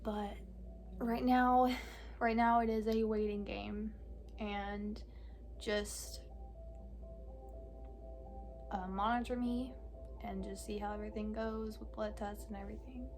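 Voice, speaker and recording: A young woman of eighteen speaks candidly straight to her viewers. She talks slowly and haltingly, with frequent fillers and pauses in a soft, mid-pitched voice. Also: flat delivery, music in the background. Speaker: vlogger. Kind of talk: casual personal vlog talk.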